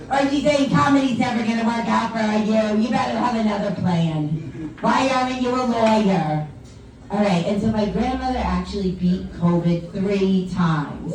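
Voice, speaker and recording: Recorded from a distance in a reverberant comedy venue, this female comedian's voice sits on the high side. She hails from the tri-state area, sounds older than she is, and teases the audience with chatty self-mockery while people laugh and talk around her.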